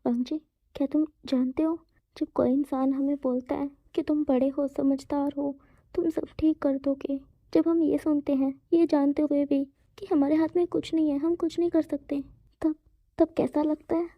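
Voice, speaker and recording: A weary young man who earnestly pours out his troubles, as a woman reads him aloud in a storybook retelling. His voice sits high, and the recording is thin and tinny, like a phone line, with no room echo at all. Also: level tone, normal speed. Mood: heavy. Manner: earnest, pouring out his burdens. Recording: tinny phone-like dry sound.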